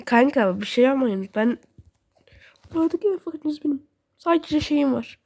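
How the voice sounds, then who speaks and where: A young woman giving casual, excitable commentary while playing a game and talking to her viewers. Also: high voice, measured pace. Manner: chatty, excitable, talks to viewers. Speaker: gaming video host.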